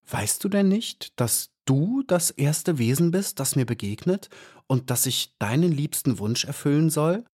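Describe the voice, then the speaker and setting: A man reading an audiobook and voicing a wise male flower elf who speaks calmly and earnestly. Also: fairly high pitch, measured pace, breathy edge. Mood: serene. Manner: calm and earnest.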